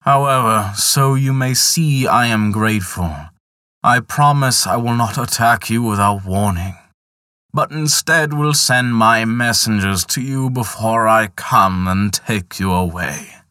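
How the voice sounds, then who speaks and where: Stern Death figure voiced by a man, storybook tale, slow measured delivery, solemn, bright forceful tone. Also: fairly low pitch, clean tone, no echo, clean studio sound. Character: Death, stern male personification of death.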